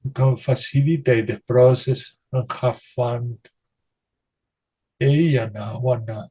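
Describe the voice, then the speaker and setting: A man leading a spiritual healing session, speaking calm guidance and intoning flowing made-up syllables in a soft, meditative way. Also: mid-range voice, husky, rough recording. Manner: soft, unhurried, meditative delivery. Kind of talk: channeled light-language guidance.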